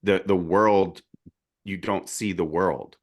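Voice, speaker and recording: A man co-hosting a podcast, with a deep morning voice, reflecting steadily in casual conversation. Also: fairly even intonation, slow. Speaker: podcast co-host. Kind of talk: casual discussion.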